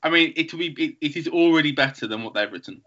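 A man's voice: on the high side, lively intonation, fast, pushed and bright. A man co-hosting a podcast in casual chat, playful and laughing as he spins jokey theories. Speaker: podcast co-host. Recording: slightly muffled.

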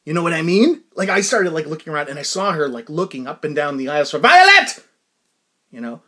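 A man's voice: fairly high pitch, quick pace, a bit bright. A man telling a personal anecdote in a casual, rambling way, full of restarts and asides to his listeners. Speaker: storyteller.

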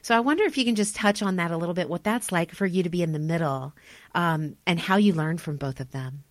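Woman host, low-ish voice, enthusiastic, affirming; dry recording. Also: fast talker, no room sound. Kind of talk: podcast interview.

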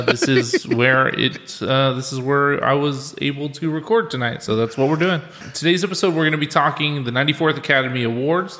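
A man's voice: mid-range voice, a bit bright. A man hosting a casual film podcast chat, sounding like he is recording in an empty room. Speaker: podcast host.

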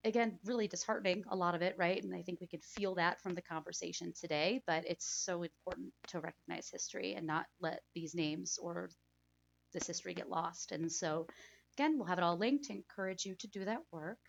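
A woman's voice: fairly low pitch, brisk, gravelly, dull audio, a little hiss or hum. A woman podcast host talking in an earnest, informal, conversational way.

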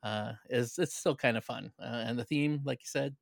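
Podcast guy rambling casually, raspy kinda gravelly tone, no room echo. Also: mid-range voice, normal speed, clean studio sound. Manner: relaxed, trailing off with fillers. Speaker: podcast co-host. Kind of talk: casual chat.

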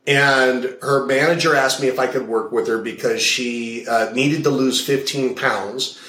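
A man's voice: mid-range voice, fairly even intonation, unhurried, bright, forceful tone. A man with a mid-range voice talks through his coaching work as an interview guest. He tells long anecdotes and hammers home his points by repeating phrases. The sound bounces around a roomy space. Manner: explains in long stories, repeats key phrases. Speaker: guest, hypnotist and values coach. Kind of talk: casual interview talk with anecdotes.

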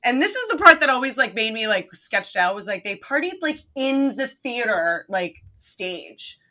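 A woman's voice: on the high side, big pitch swings, normal speed, sharp tone. A woman co-hosting a podcast, casually recapping a movie with lots of "like" and easy laughter. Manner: filler-heavy, lots of "like", laughs easily. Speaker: podcast co-host.

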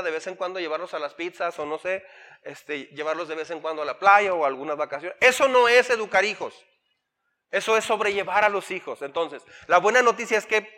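Bright high-voiced pastor preaching. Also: male voice. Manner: animated, acts out parents and kids in quoted voices, asks the congregation questions. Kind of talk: sermon. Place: church hall.

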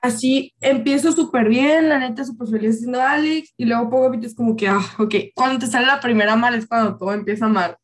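A woman's voice: on the high side, fast, few pauses. A woman, a podcast co-host rambling through a story with lots of fillers. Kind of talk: casual chat.

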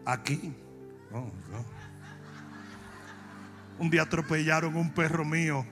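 A Dominican man preaching, telling comic stories and breaking into long shouted cries. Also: fairly high pitch, expressive, faint music behind. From Dominican Republic. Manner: shifts from shouted, drawn-out preaching to fast, joking anecdotes. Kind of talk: comic sermon storytelling.

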